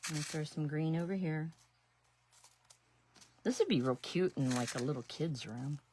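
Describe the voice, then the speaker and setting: On a live stream, a middle-aged resin artist and painting teacher from Ohio works on a craft while chatting in a rambling, casual way, with self-deprecating asides. She has an Ohio accent and a voice that sits low and is a little mellow, at a normal speed. Slight background noise is present.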